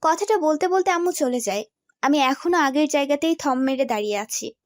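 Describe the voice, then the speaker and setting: A young woman narrating a story in the first person, expressive and storytelling. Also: high voice, a little fast, dry recording, studio quality.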